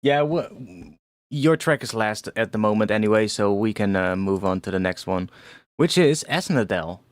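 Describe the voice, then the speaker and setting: A man's voice: on the low side, animated, moderate pace, no echo. A young man chatting casually on a livestream, rambling with frequent swearing and laughs as he gives feedback on music tracks. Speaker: music producer streamer giving feedback.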